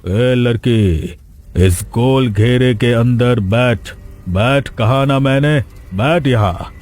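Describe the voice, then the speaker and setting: A man voicing a stern, commanding male sadhu in a cartoon, giving slow, threatening orders. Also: mid-range voice, darkish tone, lightly acted. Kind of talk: cartoon voice acting.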